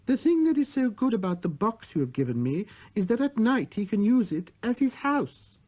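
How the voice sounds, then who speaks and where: Storybook child prince, high and lilting, earnest, innocent wonder. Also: male voice, big pitch swings, moderate pace, warm tone. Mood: thoughtful. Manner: earnest, wondering, easily amused. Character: small earnest boy prince from another planet. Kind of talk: storybook character voice.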